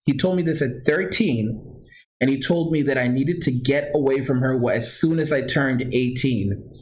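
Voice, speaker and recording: Speaking straight to camera, this vlogger shares a personal story with earnest emphasis, going over points again and often fixing or restarting what he says. His medium-pitched, slightly mellow voice moves at a normal speed on a rough recording.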